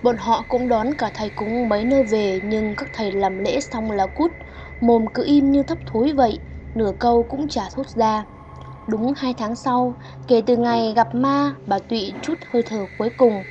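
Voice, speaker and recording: A woman narrating a folk horror story in a steady storytelling voice, in a dull lo-fi recording. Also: on the high side, normal speed. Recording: dull lo-fi audio with faint hiss.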